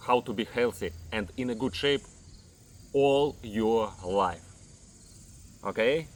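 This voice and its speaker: Speaking to camera in a mid-range voice, this fitness coach, a thirty-something man from Ukraine, explains things slowly and methodically, going through items one by one. English isn't his first language; he has a Ukrainian accent and non-native grammar.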